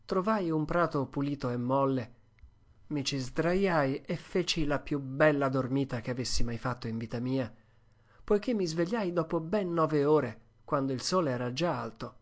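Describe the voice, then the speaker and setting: Audiobook narrator, first-person story reading, steady, expressive, mid pitch.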